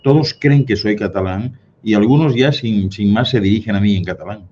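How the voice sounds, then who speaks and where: A man from Spain with a neutral Spanish accent speaks in a fairly low voice, chatting easily as a guest. He tells his anecdotes in a storytelling way and laughs at his own jokes. The recording sounds dull and lo-fi, with faint background noise. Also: moderate pace, a little mellow. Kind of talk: casual conversation.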